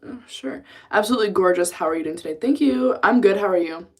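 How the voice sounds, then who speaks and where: A young American woman livestreams, chatting casually in a blunt, talkative way and laughing often as she reads the chat aloud. Her mid-range voice has a darkish tone, lively intonation, and a fast pace.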